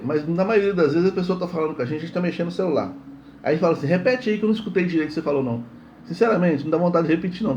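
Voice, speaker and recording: A man gives a morning sermon, chatty and relaxed, often repeating himself and checking that listeners follow. His voice sits a little high for a man. A faint hiss runs underneath. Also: highs cut off. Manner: conversational, repeats words, asks "entende?". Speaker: preacher.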